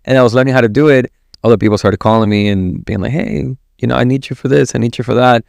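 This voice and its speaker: A man's voice: medium pitch, fast, gravelly, smooth, dry recording, clean studio sound. A man from Ecuador, a gallery director, chatting casually as a podcast guest, rambling with restarts. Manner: relaxed, rambling, with many restarts. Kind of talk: casual interview chat.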